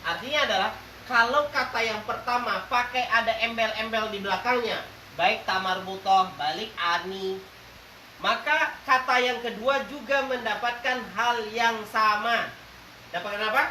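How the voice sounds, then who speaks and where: A man's voice: high voice, pushed and bright. Playful male teacher in an echoey classroom. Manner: playful, quizzes the class and jokes; drawls out example words slowly. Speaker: religious teacher. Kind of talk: classroom lesson with call-and-response. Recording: roomy, distant classroom recording with faint noise.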